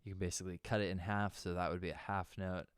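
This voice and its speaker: A young man with a deep, smooth voice walks through a software synth tutorial. His talk is loose and conversational, full of small fillers. The sound is close and dry, with no room echo. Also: level tone, quick pace. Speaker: music producer teaching synth sound design.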